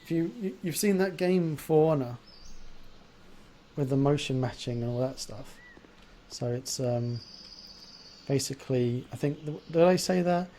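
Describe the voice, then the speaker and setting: A man's voice: a little high, unhurried, long pauses, warm tone, a little hiss or hum. A man hosting a livestream in casual chat, pronouncing his R's like W's. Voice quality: cannot pronounce R's, says w for r. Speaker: livestream host.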